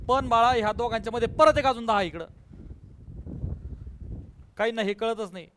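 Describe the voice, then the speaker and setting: A man's voice: extremely high pitch, a little fast, fairly bright tone, a little hiss or hum. A male physics teacher with a Marathi accent lecturing a class, coaxing answers from students and calling them बाळा and बेटा.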